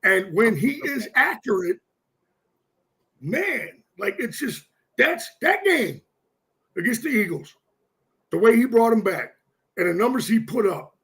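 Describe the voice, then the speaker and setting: A man co-hosting a football talk show, excitable and profane, often repeating himself as he makes his points. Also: extremely high pitch, unhurried, long pauses. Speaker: sports show co-host.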